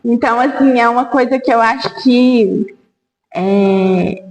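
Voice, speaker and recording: A woman hosting a podcast, sharing her own experience in conversation and adding soft, supportive remarks. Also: fairly high pitch, slow pace. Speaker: podcast host. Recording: distant voice in an echoey hall.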